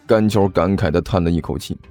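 A man narrating a comic audiobook in a playful, expressive way. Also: low-pitched, fairly quick, faint music behind.

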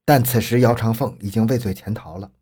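A man narrating a scripted true-crime story in a measured, grave manner. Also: fairly low pitch, dark tone, breathy edge.

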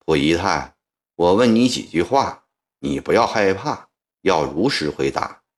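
A male storyteller voicing a stern elderly Qing viceroy who questions people in a measured, low, gentle way. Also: big pitch swings. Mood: grave, coaxing.

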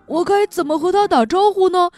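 A woman's voice: sits high, normal speed, faint music behind, voice pushed up, close to an everyday voice. Woman doing a fretful little gnome man. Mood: excited. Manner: loud, emphatic, fretful. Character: anxious little male gnome, tearful then eager. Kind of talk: storybook read-aloud for children.

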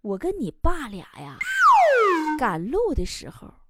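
A woman voicing her deadpan mother, speaking slowly and softly with weighty pauses, as loud audience laughter rolls around her. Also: fairly high pitch, very noisy, pitched below the performer's own voice, heavily acted. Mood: solemn. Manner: slow, hushed, weighty pauses. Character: deadpan mother telling a slow solemn tale.

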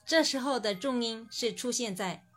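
A woman teaching a recorded language lesson. She explains patiently, then says each example word slowly and clearly. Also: on the high side, faint music behind.

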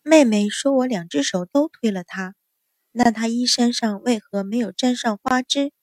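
A woman voicing a calm young eldest daughter, cool and faintly mocking. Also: a little high, moderate pace, no echo, studio quality, lightly acted.

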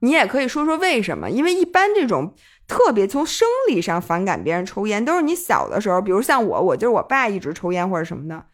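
A woman's voice: medium pitch, huge pitch swings, fast. A woman co-hosting a podcast, giving confident relationship advice in casual chat and dropping English words into her talk. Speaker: podcast co-host.

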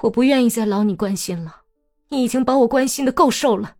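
A woman's voice: on the high side, expressive, moderate pace, faint music behind, pitched above the performer's own voice. Woman doing a hurt, bitter young wife. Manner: subdued, cold, strained.

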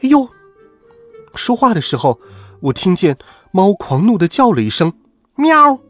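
A man narrating a bedtime story for children with a lively, expressive reading. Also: high-pitched, moderate pace, no room sound, soft background music.

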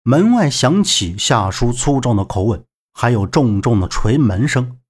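Man, audiobook narrator, husky voice, lively pitch, expressive. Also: a little slow. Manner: expressive storytelling. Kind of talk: web novel audiobook narration.

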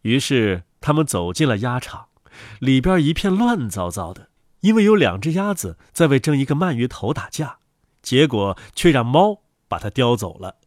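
A man reading a fairy tale aloud in a lively, expressive storyteller manner. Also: medium pitch, normal speed, no room sound, clean studio sound.

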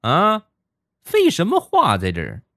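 A man voicing a brusque male security guard who talks in a loud, scolding way. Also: high voice, wildly swooping pitch, measured pace, over loud music, pitched above the performer's own voice, exaggerated voice.

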